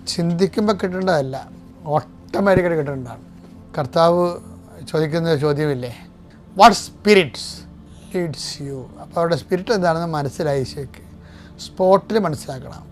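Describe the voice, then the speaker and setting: Older man, priest, fervent sermon, sudden loud emphasis, faint music behind. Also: fairly high pitch. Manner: leads congregation in repeating scripture line by line. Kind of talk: sermon with prayers.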